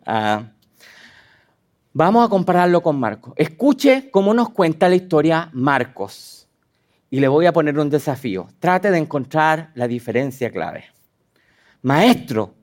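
A man preaching a sermon, animated and asking his listeners questions directly. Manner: animated, acts out quotes with sudden high dramatic voices.

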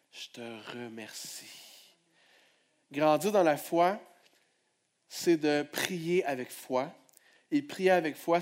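Pastor, soft to booming. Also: male voice. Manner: swings from hushed prayer to loud exclamations; calls on the congregation to respond. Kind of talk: sermon.

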